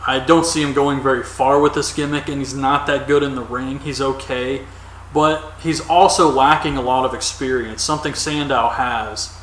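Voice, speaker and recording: A man's voice: mid-range voice, fairly bright tone, roomy sound, recorded from a distance, a little hiss or hum, rough recording. A man giving casual, opinionated solo commentary as a wrestling reviewer, rambling with frequent ums.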